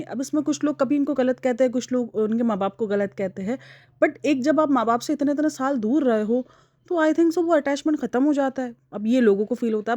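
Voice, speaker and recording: A woman's voice: fairly high pitch, no room sound. A young woman talking casually and with strong opinions as she comments on online vlogs. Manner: opinionated, chatty, animated. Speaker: vlog commentator.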